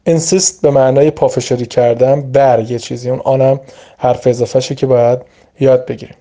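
A man with a very dark, mellow voice gives an English vocabulary lesson. He explains patiently and drawls out each example word. His first language is Persian. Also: medium pitch, fairly even intonation. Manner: explains slowly, stretching out example words. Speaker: English teacher.

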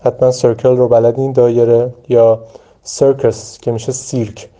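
Man, Persian first language, very mellow dark voice, slow repeated pronunciation drill, vocabulary teacher. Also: medium pitch, level tone. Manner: repeats each word slowly several times with short explanations.

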